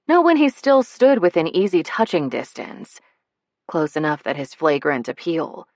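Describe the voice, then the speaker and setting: A woman audiobook narrator reading a romance novel in an intimate, measured way that turns breathy on soft lines. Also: deep voice, no room sound, clean studio sound.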